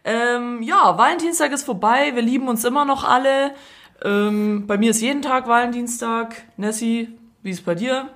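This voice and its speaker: A woman's voice: a little high, moderate pace, a bit bright. A woman from Swabia with a Swabian accent, co-hosting a podcast in casual chat, laughing often and acting out what others said. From Swabia, Germany. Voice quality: chatty, laughs often, acts out quotes. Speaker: podcast co-host.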